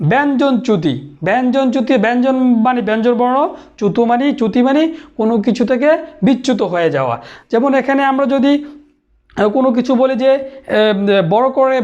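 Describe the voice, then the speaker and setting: Man, grammar teacher, very high voice, step-by-step lecture, repeats terms, dull lo-fi sound. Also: a little mellow. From Bangladesh. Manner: explains step by step, repeats terms, many restarts. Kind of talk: recorded lecture. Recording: dull lo-fi recording.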